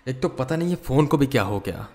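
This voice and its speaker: Casting: a man as an irritated young hothead in a horror audio story, loud and dismissive. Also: mid-range voice, expressive, a little fast. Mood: irritated shouting. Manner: shouting, irritated.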